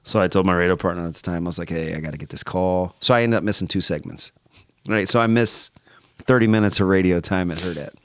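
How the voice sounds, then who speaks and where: A former radio host, now a podcast guest, tells a story in a casual interview, animatedly acting out the voices from phone calls he had. He has a deep voice and talks fast, and the studio recording is dry and clean.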